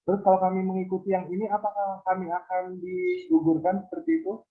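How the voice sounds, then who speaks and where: A man's voice: high-pitched, little pitch movement, quick pace. A man asking a question in an online meeting, his voice breaking up over a bad connection and checking if he is heard. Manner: repeats hello, checks if he is heard. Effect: choppy video call audio. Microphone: video call. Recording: tinny phone-like call line with faint music.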